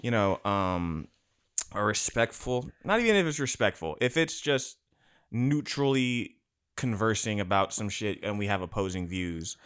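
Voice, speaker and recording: A man co-hosting a casual chat, talking bluntly with heavy swearing and animated rants. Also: on the low side, unhurried, clean tone.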